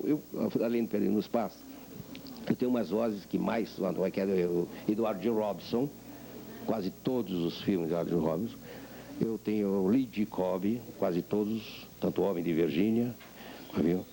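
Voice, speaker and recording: An older man, a veteran voice actor, being interviewed and telling animated stories about his craft. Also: fairly low pitch, vocal fry, slight background noise, rough recording. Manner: animated storyteller, acts out voices. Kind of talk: reflective interview talk.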